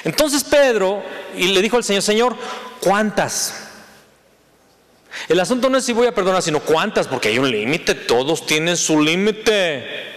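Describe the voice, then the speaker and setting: Male pastor, high voice, chatty sermon, reverberant hall. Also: lively intonation, normal speed, fairly bright tone. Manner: conversational, teasing the congregation. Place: church sanctuary.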